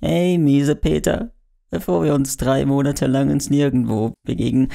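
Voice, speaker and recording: A man voicing a teasing, upbeat male colleague in an audiobook, pitched a bit higher than his narration and drawn out. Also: fairly even intonation, unhurried, gravelly, mellow. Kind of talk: audiobook character voice.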